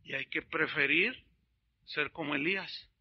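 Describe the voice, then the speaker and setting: A man preaching a sermon as a pastor, telling stories in an animated way and calling his listeners brothers. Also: fairly high pitch, measured pace, slightly rough, highs cut off.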